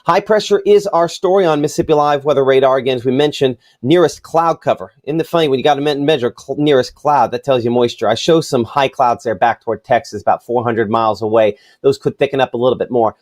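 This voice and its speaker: A man's voice: mid-range voice, fast, hardly any pauses, darkish tone. A man presenting a live TV weather forecast as chief meteorologist, talking in a loose, chatty way with fillers and asides. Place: TV weather studio.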